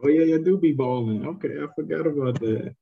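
A man's voice: fairly high pitch, fairly quick, creaky. An American man chatting casually on a video call with dull audio. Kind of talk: casual chat.

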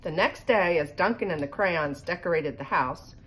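This is a home phone recording, low in quality and noisy, of a middle-aged woman reading a children's picture book aloud with casual asides. Her voice is fairly low and moves at a normal speed. She is in her living room by the fireplace, the phone propped up before her.

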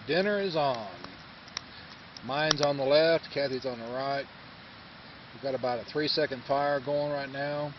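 A man with a medium-pitched voice narrates a home video of his forest campsite by a river, talking casually at a measured pace with frequent pauses as he walks viewers through things step by step. He's a camper filming a vlog on his handheld camera's mic, and the audio is dull, home-video quality with a faint outdoor hiss.

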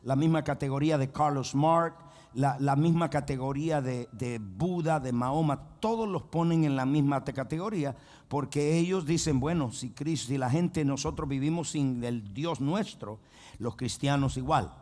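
A man's voice: mid-range voice, moderate pace, a little mellow. A man preaching a sermon as pastor, emphatic and repetitive, often calling on the congregation to repeat phrases and say amen. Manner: emphatic, with frequent restarts and repetition.

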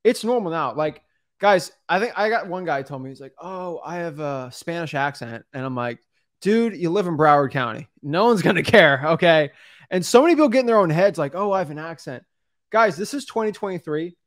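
Speaking brisk and expressive, this young co-host's slightly high, fairly bright voice carries a loose, filler-heavy coaching chat aimed at "guys." It's a casual podcast recorded in a backdrop studio on a boom-arm studio mic.

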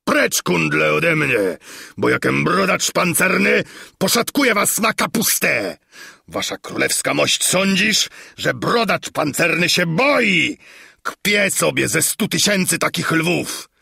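Male narrator playing a loud boasting storybook warrior, raspy and bright, dry sound. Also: fairly high pitch, lively intonation, takes it slowly, no room sound, pitched above the performer's own voice, full character voice. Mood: defiant bluster. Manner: blustering, defiant shouting. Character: boastful armored bearded warrior, grown man, brash. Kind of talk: audiobook character voice.

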